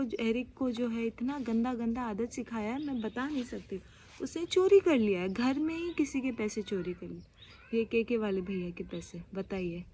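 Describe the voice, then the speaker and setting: A woman's voice: high voice, a little hiss or hum. A young woman from India vlogging in a casual, confiding way, mixing in English phrases as she talks. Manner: chatty, mixes Hindi with English phrases.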